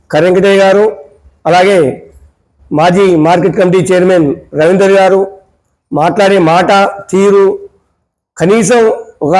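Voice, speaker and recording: A man's voice: sits high, darkish tone, low-quality recording. A man speaking, giving an angry, threatening speech at a press meet as a local party worker.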